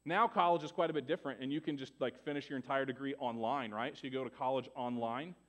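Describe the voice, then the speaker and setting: Man, 40s, pastor, church sermon, conversational, mid-pitched voice, frequent restarts. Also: steady tone, fast talker, a bit bright. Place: church sanctuary.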